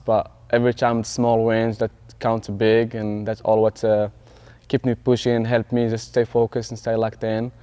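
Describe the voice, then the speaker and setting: A man's voice: on the low side, dark tone, clear, resonant tone. A young man from Morocco, a parkour athlete and stuntman, talking reflectively in a sit-down interview. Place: dark studio with curtain backdrop.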